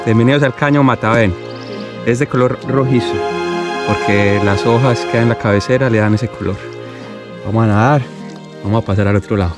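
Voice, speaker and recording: A man hosting an expedition on location, explaining the places he visits in unscripted travel presenting. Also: over loud music. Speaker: travel host. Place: outdoors on location. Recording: loud rumble and rushing outdoor noise.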